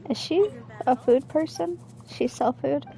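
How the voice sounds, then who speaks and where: A woman's voice: high voice, measured pace, creaky, dark tone. A woman streamer giving chatty, giggly commentary on a game while she talks to herself, and she has the hiccups. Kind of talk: casual gameplay commentary. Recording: game music playing behind her voice.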